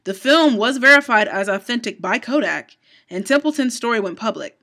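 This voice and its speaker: A woman's voice: on the high side, animated, moderate pace, pushed and bright. A woman co-hosting a casual podcast, narrating paranormal stories from her notes with small stumbles and easy laughs. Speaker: co-host.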